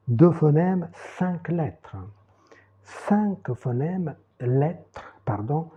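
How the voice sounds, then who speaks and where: A man teaching pronunciation in French with an Italian accent, explaining slowly and checking in often with his listeners. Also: medium pitch, slightly rough. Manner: slow, explanatory, with frequent "hein" and "va bene". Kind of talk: online pronunciation lesson. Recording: tinny phone-like audio.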